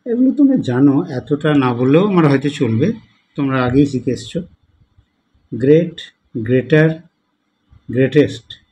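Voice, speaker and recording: A man teaching English grammar to students, explaining slowly, spelling words out letter by letter and asking the class questions. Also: medium pitch, lively intonation, mellow, rough recording. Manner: spells words letter by letter, repeats forms patiently; asks the class questions to guide them. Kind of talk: slow explanatory lesson.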